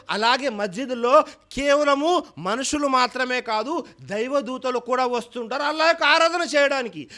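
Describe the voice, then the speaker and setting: A male preacher with a Telugu accent delivers an earnest sermon. His voice sits very high, with a bright, forceful edge. He keeps urging the congregation directly, calling them brothers. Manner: earnest exhortation, addressing listeners as brothers. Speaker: Islamic preacher.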